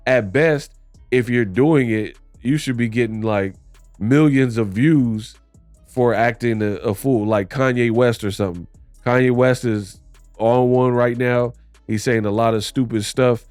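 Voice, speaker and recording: A man's voice: mid-range voice, a little mellow, no room sound. A man giving blunt, critical opinion commentary on boxing in a conversational way.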